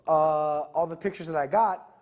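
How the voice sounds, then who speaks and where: A man's voice: a little high, fairly even intonation, moderate pace, a little mellow. Chatty young man hosting a game show. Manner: loose, rambling, many fillers. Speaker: co-host of a gaming show. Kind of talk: casual chat.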